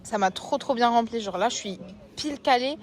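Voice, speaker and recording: A woman's voice: a little high, fairly quick. A young woman chatting casually to camera as a travel vlogger, gushing about food and using lots of fillers. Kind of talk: casual vlog chat. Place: outdoors on a Greek island with traffic around. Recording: outdoor noise in background.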